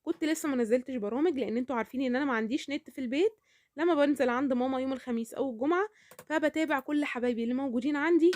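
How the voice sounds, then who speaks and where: Egyptian woman, cooking vlogger, high voice, rapid chatty delivery. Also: very noisy. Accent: Egyptian Arabic. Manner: talkative, repeats herself, asks "okay?" often. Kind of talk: casual chatty vlog.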